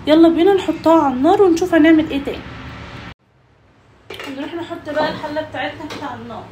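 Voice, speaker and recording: Fast-talking young Egyptian woman vlogger. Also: sits high, noisy background. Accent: Egyptian Arabic. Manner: chatty, talks to viewers while cooking. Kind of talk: casual cooking vlog. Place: home kitchen.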